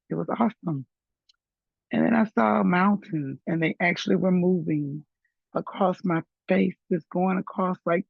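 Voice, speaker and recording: A middle-aged woman with a hoarse voice, chatting warmly and laughing between thoughts in an online group. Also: on the low side, dry recording. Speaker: group member sharing. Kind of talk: casual sharing in an online group. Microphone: video call. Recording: dull lo-fi video call audio.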